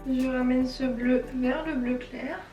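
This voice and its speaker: A woman's voice: sits high, fairly even intonation, unhurried, mellow, reverberant, distant mic, muffled recording, soft background music. A chatty French woman with a French accent, talking through a makeup tutorial and explaining each step with self-deprecating asides. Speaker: beauty vlogger.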